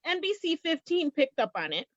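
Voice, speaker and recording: A woman's voice: high-pitched, sing-song, normal speed, no room sound, lo-fi sound. A middle-aged woman telling a story conversationally on a panel, emphatic, repeating phrases and acting out what people said. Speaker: small business owner, guest.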